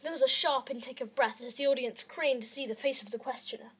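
A woman's voice: sits high, fast talker, a bit bright, slight background noise, low-quality recording. A woman hosting her own podcast, reading a storybook aloud in an amateur, self-conscious way that stumbles over words. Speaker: podcast host and reader.

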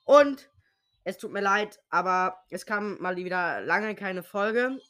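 A gaming podcast host, a young man sick with a sore throat, gives casual, slangy solo commentary on a game and mutters to himself as he plays. His high-pitched voice is animated, slow, pushed, and bright.

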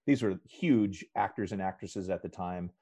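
A middle-aged man, a podcast guest, telling a story in a relaxed chat and acting out the voices he quotes. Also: low voice, moderate pace, breathy edge, dry recording. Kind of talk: casual storytelling.

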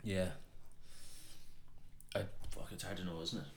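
Laid-back male co-host who asks questions; deeper voice in a roomy recording. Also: steady tone, unhurried. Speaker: podcast co-host. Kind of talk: casual chat. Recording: roomy echo, faint hiss.

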